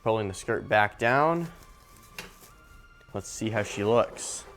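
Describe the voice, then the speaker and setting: A man's voice: on the low side, animated, slow, fairly bright tone. Man casually narrating, music behind. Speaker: product reviewer, video host. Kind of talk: casual unboxing and assembly narration.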